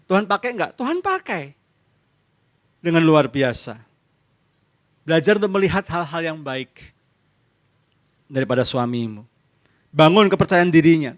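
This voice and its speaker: Lively Indonesian-accented pastor preaching. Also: male voice, on the high side. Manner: lively, asks the congregation questions and answers them himself; mixes in English phrases and acts out couples' arguments. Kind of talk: sermon. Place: church service.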